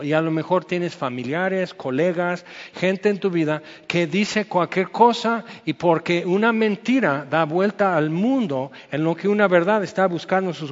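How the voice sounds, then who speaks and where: A man with a Mexican accent, preaching a sermon as pastor in a chatty, storytelling way, full of asides. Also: high-pitched. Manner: chatty, peppers speech with "o sea" and "¿ok?". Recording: dull sound with long hall reverb.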